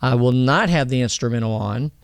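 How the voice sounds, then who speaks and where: In a rambling, easygoing tutorial from his home studio, a music producer explains how to mix vocals, peppering it with "okay?" and "all right?". He talks a little fast, his voice thin and mid-range, and there's no room sound.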